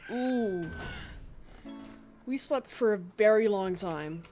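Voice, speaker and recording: Slow-talking woman gamer with hiccups. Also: mid-range voice, faint music behind. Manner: chatty, talks to game creatures, sudden excited outbursts. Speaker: let's-play gamer. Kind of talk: casual gameplay commentary.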